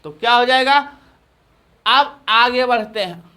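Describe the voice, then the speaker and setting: A man with a Hindi accent teaching an English grammar lesson, repeating phrases slowly and answering his own questions. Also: very high-pitched, sharp tone.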